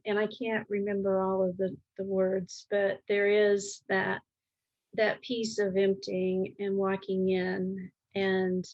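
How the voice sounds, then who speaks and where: A middle-aged or older woman speaking in a calm, gentle, reflective way in an interview, halting as she searches for words. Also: mid-range voice, highs cut off. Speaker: interview guest.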